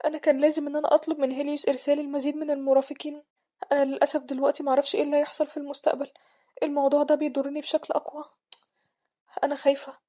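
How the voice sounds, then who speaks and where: Brief: woman reading an anxious, prickly young duchess, Egyptian accent, fretful questions, very fast pace. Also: sits high, level tone, dark tone, dull audio, lightly acted. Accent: Egyptian Arabic. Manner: fretful, repeating worried questions.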